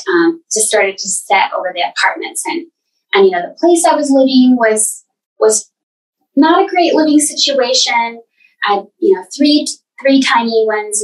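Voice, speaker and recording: Earnest lady sharing her story, stops and restarts a lot, sounds a little far from the mic. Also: a little high. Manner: earnest, halting, many restarts. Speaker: podcast guest. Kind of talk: candid personal storytelling.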